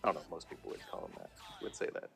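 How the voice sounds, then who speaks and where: A man, a voice actor, talking in a casual interview in an animated way, often laughing. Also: rapid-fire, soft background music. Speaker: voice actor guest.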